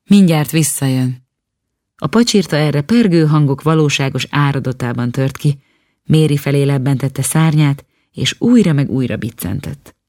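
A woman reading a children's story aloud in calm, steady storytelling narration. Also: sits low, no echo, studio quality. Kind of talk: audiobook narration.

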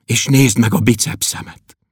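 A man's voice: mid-range voice, steady tone, breathy edge, no room sound, studio quality, pitched above the performer's own voice, close to an everyday voice. A man voicing a burly, melodramatic poet who wails in mock-tragic self-pity.

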